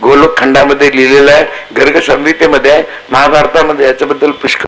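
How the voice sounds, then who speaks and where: Bright-voiced man telling a devotional story. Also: level tone, fast talker, a little hiss or hum, poor audio. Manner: folksy anecdotal telling, acts out dialogue and cow lowing. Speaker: kathā preacher.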